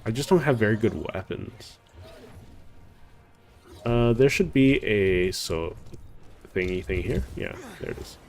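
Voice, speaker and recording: A man's voice: lowish voice, expressive, slow pace, creaky, long pauses, a little mellow. A man giving casual gameplay commentary as a streamer, rambling with many "like"s and "uh"s. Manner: rambling, heavy on "like" and "uh".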